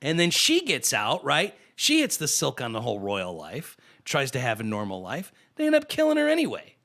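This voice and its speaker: A man from the United States hosting a casual comedy podcast, animated and riffing with laughs. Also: mid-range voice, normal speed. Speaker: podcast host.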